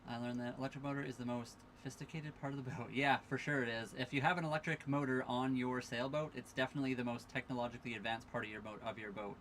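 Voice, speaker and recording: A tired young livestream host chats casually from his sailboat's cabin at a marina dock, reading viewer questions aloud and thanking followers. His medium-pitched voice stays steady and fairly bright, moving at a quick pace with few pauses, and there's a slight hiss or hum.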